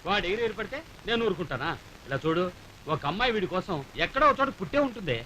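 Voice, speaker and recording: A man's voice: high voice, very animated, fast, slight background noise, full character voice, poor audio. An actor playing a scheming, blustering middle-aged father who mutters to himself while hatching a plan. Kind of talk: 1970s film acting. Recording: film soundtrack with loud music.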